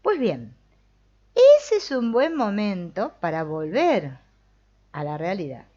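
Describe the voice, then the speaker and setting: A woman with a Rioplatense Argentine accent gives a relaxed spiritual talk, reading from a book, commenting playfully and acting out the restless mind. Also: mid-range voice. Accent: Rioplatense Argentine Spanish. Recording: dull lo-fi recording.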